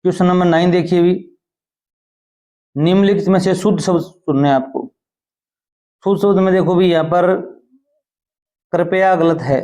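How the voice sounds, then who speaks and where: A man teaches an exam-prep class. His voice sits a little high, yet it sounds warm and relaxed. He explains each answer step by step and keeps asking short questions.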